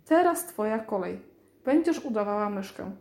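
A woman's voice: medium pitch, expressive, moderate pace, a little mellow, echoey room, lightly acted. A woman voicing a bossy male cat who teaches hunting in a commanding, instructive way.

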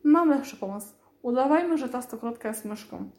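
Brief: schoolmarmish Siamese she-cat, read by a woman, mellow, storybook. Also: on the high side, expressive, normal speed, reverberant, close to an everyday voice. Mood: prim. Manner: lecturing, prim.

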